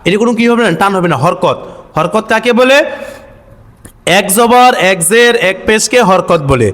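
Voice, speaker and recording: A man teaching Quran reading. He spells out letters and vowel marks step by step, asks questions and answers them himself, and chants each syllable slowly. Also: high-pitched, animated, fairly bright tone. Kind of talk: step-by-step recitation lesson. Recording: long hall reverb.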